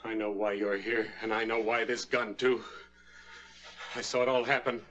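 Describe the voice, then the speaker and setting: An actor playing a nervous, guilt-ridden man with a halting, intense manner in a vintage American TV suspense drama. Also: on the low side, flat delivery, fairly bright tone, soft background music, natural voice. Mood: accusing, paranoid. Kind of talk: mid-century American TV suspense drama acting.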